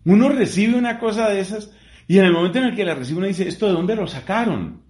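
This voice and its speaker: A priest with a lively, preacherly way of speaking, answering questions in a talk. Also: male voice, high-pitched, fast talker, echoey room. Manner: animated, preacherly, lively emphasis.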